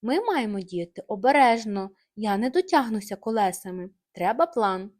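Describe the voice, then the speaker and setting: A woman's voice: medium pitch, animated, normal speed, a little mellow, close to an everyday voice. A woman voicing a cheerful, brave little boy tractor in a bedtime storybook, eager and exclaiming.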